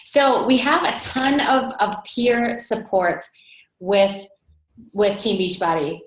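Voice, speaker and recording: Recorded indoors over an online call with roomy echo and a little hiss or hum, a North Dakota woman who coaches a team hosts an informal webinar, chatty and enthusiastic. She speaks slowly at medium pitch with lively intonation.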